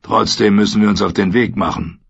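A man voicing a gruff, stern old commander who barks his orders, in an audiobook reading. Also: lowish voice, steady tone, fairly quick, lo-fi sound. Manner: gruff, barking.

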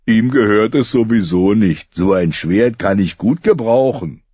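A man's voice: fairly low pitch, animated, unhurried, dark tone, no echo. A man voicing a fat, sunburned orphan boy who greedily taunts and bullies. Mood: taunting. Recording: slightly muffled recording.

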